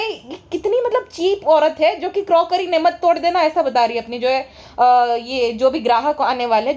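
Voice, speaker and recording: A woman's voice: sits high, darkish tone. A woman giving sarcastic, scolding commentary for an online gossip vlog.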